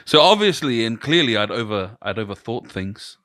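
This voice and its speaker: Middle-aged kiwi guy yarning away on a podcast, dry close sound, mid-pitched voice. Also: pushed and bright, no echo. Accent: New Zealand. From New Zealand. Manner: rambling storyteller, acts out quoted voices. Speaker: podcast host. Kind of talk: casual chat.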